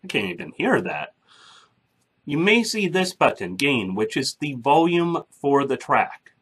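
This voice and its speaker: A man hosts a casual screen-recorded tutorial on podcasting, chatty and blunt as he explains each step into a mic routed through a soundboard. His mid-range voice is sing-song and unhurried, with a fairly bright, slightly rough tone.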